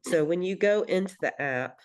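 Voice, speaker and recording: A woman's voice: fairly low pitch, animated, moderate pace. A woman who grew up in Belgium leads a group session as a program coach. She talks conversationally, fills her sentences with "like" and "um", and stops to ask the group for questions. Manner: conversational, many fillers, addresses the group.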